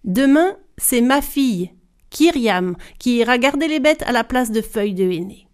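A woman's voice: on the high side, expressive, normal speed, close to an everyday voice. Woman playing a cold, greedy stepmother. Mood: commanding.

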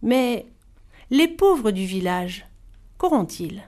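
A woman voicing the youngest of seven brothers in a storybook reading, gentle and concerned for others. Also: medium pitch, very animated, takes it slowly. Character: youngest of seven brothers, kind and thoughtful boy.

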